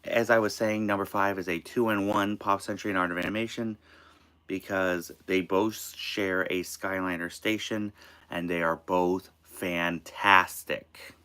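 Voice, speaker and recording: An American man from Maine hosting a casual live stream of tips from inside an RV, halting and restarting his phrases. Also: low voice, flat delivery, sharp tone, smooth. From Maine, United States. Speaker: host of a live show.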